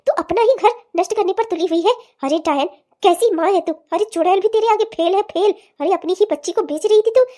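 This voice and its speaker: A woman's voice: very high voice, warm tone. A woman voicing a scornful old grandmother in a cartoon. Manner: scornful and scolding. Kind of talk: cartoon voice acting.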